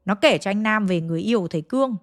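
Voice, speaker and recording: A woman's voice: medium pitch, animated, rapid-fire, no echo, clean studio sound. A woman with a Hanoi accent retelling a ghost story in a chatty, dramatic way, speaking straight to her listeners. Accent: Hanoi Vietnamese.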